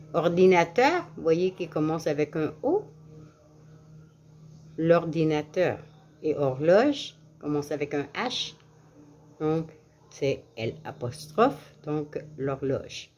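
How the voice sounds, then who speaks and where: A woman leads a French lesson at a slow, careful pace, saying each word twice so learners can follow. Her voice sits a little low but moves up and down a lot, and she slips English glosses in between the French. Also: darkish tone, dull audio. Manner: slow, deliberate repetition of words for learners. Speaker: French teacher. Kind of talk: classroom lesson.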